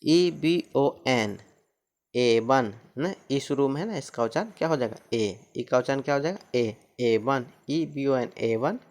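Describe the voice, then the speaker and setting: A man's voice: medium pitch, animated, normal speed, hardly any pauses, darkish tone. A man teaching pronunciation rules who repeats each point and asks and answers his own questions, speaking. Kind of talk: classroom-style explanation.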